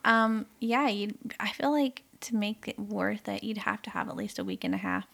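Chatty woman with vocal fry. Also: medium pitch, huge pitch swings, moderate pace, fairly bright tone. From Ontario, Canada. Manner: chatty, rambling, laughs often. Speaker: podcast co-host. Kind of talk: casual chat.

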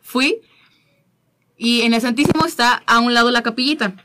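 A woman, guest on a talk show, telling a personal faith story in an earnest, halting way, often repeating her words. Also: on the high side, noisy background.

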